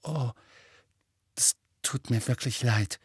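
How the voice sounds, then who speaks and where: A careful, earnest teenage girl, as a male audiobook reader puts her on, pitched up and quiet. She speaks softly and hesitantly, with a husky grain in a dry close recording. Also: takes it slowly, no room sound. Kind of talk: audiobook character voice.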